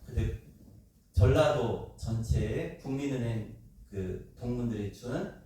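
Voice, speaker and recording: A middle-aged man preaching a sermon as pastor, animated, asking the congregation questions and acting out voices. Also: mid-range voice, a little slow, far from the mic, a little hiss or hum. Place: church sanctuary. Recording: echoey church hall, speaker away from the mic.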